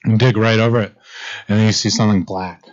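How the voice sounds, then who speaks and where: A man narrating as game master in a relaxed, casual way, full of fillers. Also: on the low side, fast. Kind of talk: narrating a tabletop game on a live stream. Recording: muffled lo-fi stream audio.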